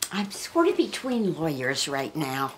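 A woman's voice: sits low, wildly swooping pitch, measured pace, a little hiss or hum, exaggerated voice. An actress playing a dry, unbothered older mother-in-law. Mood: deadpan.

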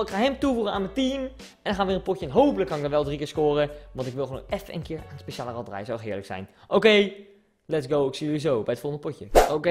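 Young man, gaming commentary, excitable, high voice, faint background music. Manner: excitable, swings from mutters to shouts. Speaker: gaming YouTuber. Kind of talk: live gameplay commentary.

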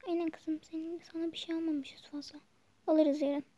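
A woman's voice: very high-pitched, flat delivery, moderate pace, dark tone. A girl voicing a caring but strict young mother in a toy role-play with a game, fussing and scolding her daughter. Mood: calm.

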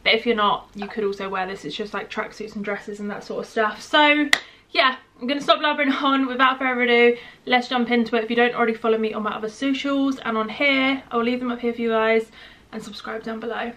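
Young woman vlogger, slightly high voice, gushing and informal, a bit out of breath. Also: fairly even intonation, fast talker, pushed and bright, slight background noise. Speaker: fashion vlogger. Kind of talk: casual try-on haul chat.

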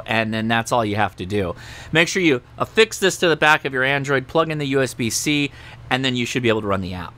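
At his workbench in an indoor home studio, a ham radio channel host in his forties demonstrates a product for the camera. This American man has a mid-range, slightly bright voice and explains things in a chatty, eager, teaching style.

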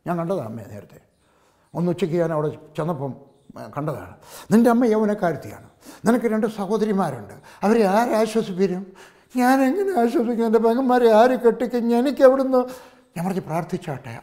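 An older male pastor preaching a sermon, telling a story that swings from hushed passages to loud exclamations and calls of hallelujah. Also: high voice.

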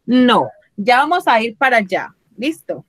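A woman's voice: on the high side, big pitch swings, measured pace, no echo. A woman English teacher, giving an online class and patiently checking in with her students. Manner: patient, checks in often with questions.

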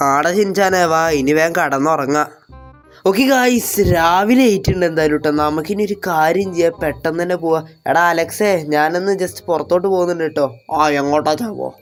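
A man's voice: fairly high pitch, fairly quick, faint music behind. Dramatic man streaming a game. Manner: loud, dramatic, panicky and bossy. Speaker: gameplay streamer. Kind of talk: game role-play with commentary to viewers.

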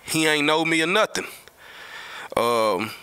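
A host telling stories from the music business, a man with a Southern US accent, spins a casual tale full of slang and profanity, repeating himself along the way. His voice is on the high side, expressive and slow, with a sharp yet clean tone. He sits at a table in a small indoor studio, close to a studio mic on a boom arm.

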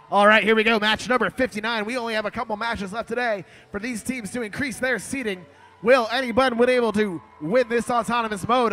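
A man announcing a robotics match with energetic, excited play-by-play commentary in a competition arena. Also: extremely high pitch.

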